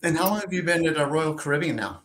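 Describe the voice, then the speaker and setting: A man's voice: on the high side, expressive, quick pace, fairly bright tone. A man in his fifties hosting an interview over a video call from a home office, upbeat and conversational with a few fillers. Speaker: host. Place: home office with a wooden door. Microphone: webcam on a video call.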